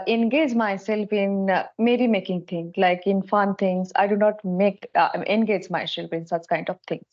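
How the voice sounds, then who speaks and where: A woman from India who tutors English, speaking slowly and carefully in a casual practice conversation over a call. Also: medium pitch, a little mellow. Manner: slow, careful non-native English. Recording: dull lo-fi call audio.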